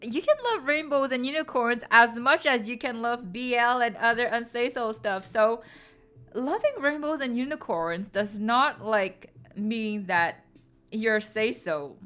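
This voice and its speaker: Young woman streamer teasing her chat, kinda high bright voice, sarcastic, says like a lot, faint music behind. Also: takes it slowly. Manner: playful, sarcastic, teasing, with filler "like". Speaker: streamer chatting with viewers. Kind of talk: casual chat.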